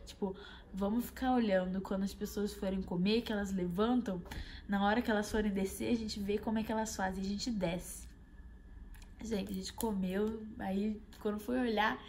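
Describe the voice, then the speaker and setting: A young Brazilian woman casually telling a travel anecdote, animated and often addressing her viewers directly. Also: medium pitch, fairly quick, a little hiss or hum. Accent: Brazilian Portuguese. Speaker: travel vlogger. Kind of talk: casual storytelling.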